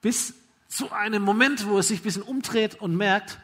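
A preacher giving a sermon live before a congregation, retelling a parable in a conversational storytelling way that asks the audience along. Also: male voice, high voice, moderate pace, background noise.

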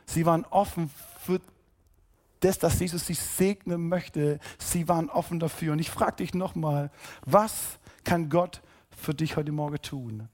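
A man preaching a sermon, emphatic, rising to loud calls and then dropping low and quiet. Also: unhurried. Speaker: pastor.

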